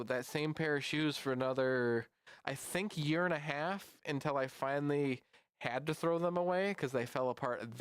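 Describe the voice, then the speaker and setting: Male streamer, middle pitch, rambling casual chat with viewers, dry close recording. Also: smooth, dry recording. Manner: rambling and chatty, talks to chat. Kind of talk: casual livestream chat reacting to memes.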